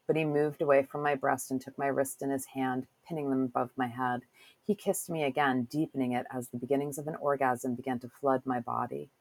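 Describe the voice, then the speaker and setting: Low-voiced woman hosting a chat. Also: poor audio. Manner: chatty, curious, self-deprecating. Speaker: podcast host. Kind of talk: casual interview and reading an excerpt aloud.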